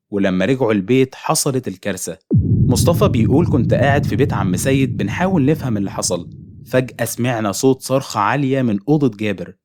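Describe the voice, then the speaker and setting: A man with an Egyptian accent narrating a horror story in a dramatic, ominous way. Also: medium pitch. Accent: Egyptian Arabic. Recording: noisy home recording.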